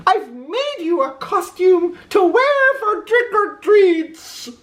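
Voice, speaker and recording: Woman putting on a high, gushing mother dog. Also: big pitch swings, heavily acted. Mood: delighted, cooing. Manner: cooing, drawn-out, gushing delivery. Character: doting, singsong mother dog fussing over her son. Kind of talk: children's storybook character voice.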